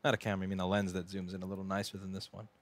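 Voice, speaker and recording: A man's voice: low voice, completely flat delivery, rapid-fire. A man who owns a repair shop, chatting casually to a live stream while he works on a board. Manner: casual, chatty, talks to chat while working.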